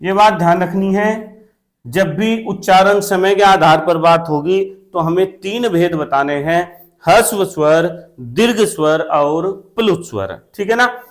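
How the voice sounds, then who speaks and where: A man with a fairly high voice teaches grammar for a competitive exam. He repeats key points, poses questions and answers them at once, and keeps checking in with the class. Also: slow. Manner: repetitive, asks questions and answers them himself, often checks with "theek hai na". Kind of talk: exam-prep classroom lesson.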